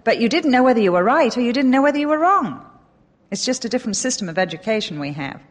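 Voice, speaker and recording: A middle-aged woman from England with an English accent, giving an animated, emphatic Bible teaching talk with a touch of self-deprecating humor. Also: fairly high pitch, fast. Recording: long hall reverb.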